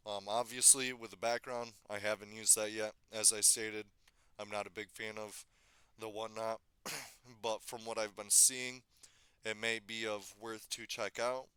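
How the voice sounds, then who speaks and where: A man giving a casual screen-recorded software tutorial, thinking aloud and correcting himself as he goes, slightly losing his voice. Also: on the low side, flat delivery, a little slow, smooth, no echo. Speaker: tutorial maker.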